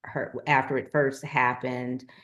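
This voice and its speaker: A middle-aged woman co-hosting a heartfelt conversation, soft-spoken and hesitant, with many pauses. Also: rumbling low, little pitch movement. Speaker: co-host.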